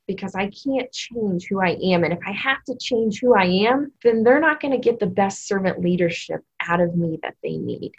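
A woman in her thirties, an assistant principal, telling a personal story in an energetic, emotional way, full of restarts and fillers. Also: lowish voice, slightly rough, highs cut off. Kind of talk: personal storytelling in a podcast interview.

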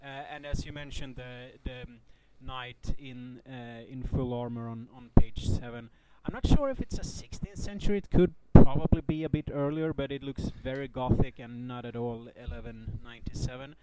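A man chatting casually as a podcast co-host in a halting, hesitant way. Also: medium pitch, very noisy.

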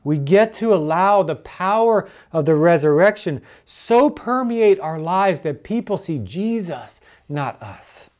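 Church elder, earnest preaching, repeats for emphasis, very lively intonation. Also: mid-range voice, measured pace, hardly any pauses.

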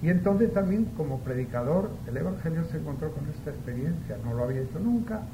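Priest preaching in a cathedral-like echo. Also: male voice, fairly high pitch, lively intonation, fast, muffled recording. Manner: earnest, conversational preaching with rhetorical questions. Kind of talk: liturgical Gospel reading and informal homily. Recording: echoey church sound, clear background noise.

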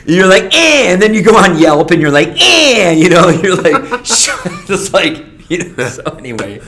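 A man's voice: a little high, animated, moderate pace, fairly bright tone. A man, a restaurant server, ranting profanely and with animation in casual conversation.

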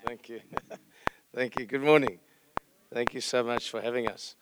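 A middle-aged South African man speaks as a visiting pastor at a church service, addressing the congregation informally with conversational, self-deprecating humor. His voice is medium-pitched and fairly even, unhurried, with background noise present.

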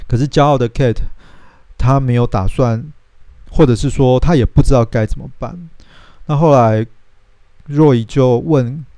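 With a warm, medium-pitched voice and no audible room sound, a man hosts a relaxed retelling of a movie. He narrates the story conversationally and performs the characters' dialogue himself.

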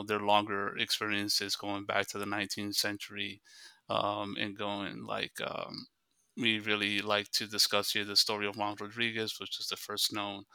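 A fairly low-voiced man from the United States talks through history in a steady, explanatory way, almost without melody. His tone is very bright and crisp, and the sound is dry and close. He speaks like a librarian in a relaxed podcast conversation. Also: dry recording. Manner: measured, explanatory storytelling.

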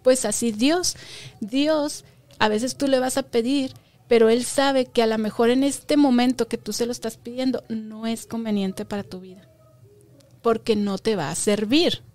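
A woman's voice: a little high, fairly even intonation, a little slow, darkish tone. A woman teaching a Bible lesson to children, patiently asking them questions and stressing key words by repeating them.

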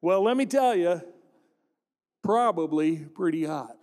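A man's voice: sits high, expressive, measured pace, darkish tone. A middle-aged man preaching a sermon, with playful joking asides to the congregation. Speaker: pastor.

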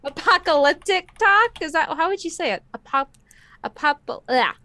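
A young woman in her late twenties chats casually as a podcast co-host. Her voice is bright and lively, leaping up and down in pitch. She giggles a lot, trips over words, and sounds close and dry on the mic. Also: moderate pace, no room sound. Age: 20s. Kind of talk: casual chat.

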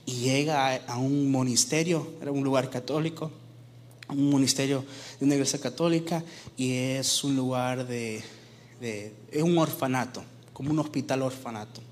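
Storytelling preacher in a reverberant church. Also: male voice, medium pitch, steady tone. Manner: storytelling preacher, slowing down and softening for tender moments. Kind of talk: sermon illustration story. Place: church sanctuary. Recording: long hall reverb, faint background noise.

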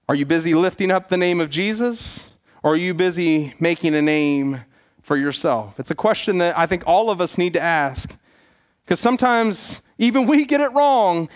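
A male preacher with a notably high voice delivers a church sermon. He is earnest and exhorting, leaning on repetition and rhetorical questions. Key phrases are set apart with emphatic pauses.

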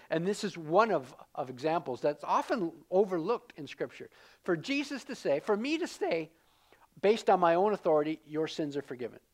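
A man teaching a casual Bible class who repeats his key points and speaks straight to the people in front of him. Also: a little high.

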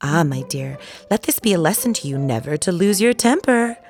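A woman's voice: fairly low pitch, animated, normal speed, darkish tone, close to an everyday voice. A woman voicing a preachy old mother crab who moralizes at her daughter in a storybook reading.

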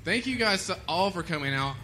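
A man's voice: sits high, expressive, fairly quick, loud music behind the voice. A man hosting a live comedy trivia show on a bar stage, joking and laughing between lines. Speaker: game show host. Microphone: stage microphone.

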